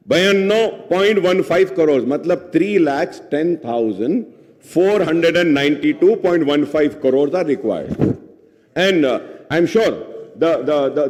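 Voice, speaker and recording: Male legislator, high voice, very unhurried delivery, assembly-hall reverb. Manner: mixes Hindi and English, addresses the chair as sir; reads out figures, then turns argumentative. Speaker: legislator giving an assembly speech. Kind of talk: parliamentary speech.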